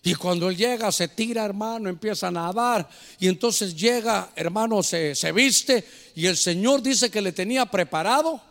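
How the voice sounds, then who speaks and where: High-voiced fervent preacher in an echoing church. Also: male voice, moderate pace, gravelly, a bit bright. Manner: fervent, keeps calling listeners brother. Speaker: pastor. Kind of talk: sermon. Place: church hall.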